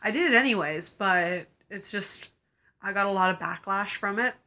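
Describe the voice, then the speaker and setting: A woman's voice: mid-range voice, moderate pace, bright, forceful tone. Giggly congested young woman vlogging. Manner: rambling, giggly, lots of fillers. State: congested from a cold. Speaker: cosplay vlogger. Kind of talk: casual chat to camera.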